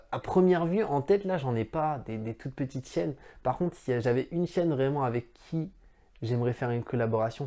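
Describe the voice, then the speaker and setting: A man's voice: medium pitch, mellow. A man answering his viewers' questions in a casual chat to camera, friendly and rambling, speaking straight to the viewer. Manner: chatty, rambling asides.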